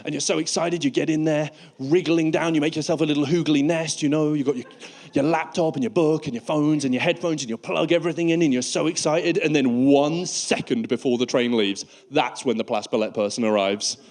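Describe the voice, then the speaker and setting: A British man performing a stand-up comedy routine on stage, telling stories in an animated way and acting out remarks. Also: fairly high pitch, a little fast. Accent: British English. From United Kingdom. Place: live comedy show in front of an audience.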